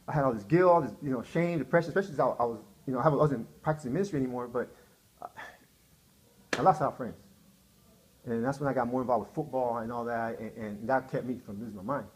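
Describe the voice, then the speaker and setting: A man's voice: medium pitch, slight background noise. A middle-aged man recounting a painful personal story in a rambling, repetitive way, acting out quotes. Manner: rambling, repeats himself, acts out quotes. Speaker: man telling his side of a story. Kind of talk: emotional personal account.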